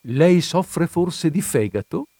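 A man's voice: mid-range voice, animated, slow, mellow, no room sound. A man reading an audiobook, voicing a pale, sickly young man who answers timidly in short replies.

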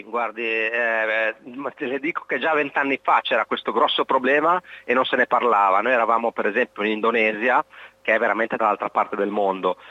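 A man's voice: mid-range voice, pushed and bright, dry recording. A middle-aged man speaking as a guest in a phone-in radio interview, heard over a phone line, explaining earnestly with many hesitant fillers.

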